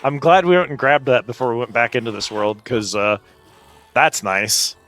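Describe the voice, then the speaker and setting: A man's voice: mid-range voice, normal speed, fairly bright tone. A man chatting casually as he hosts a live game stream, with playful, exclamatory greetings to his viewers. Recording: music behind the voice.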